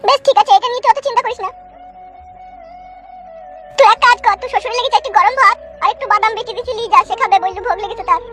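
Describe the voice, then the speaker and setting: A shrill, nagging village mother voiced by a woman in a comic cartoon. She scolds at a breathless, rapid clip in a very high, piercing voice. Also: fairly bright tone, faint music behind. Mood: fretful.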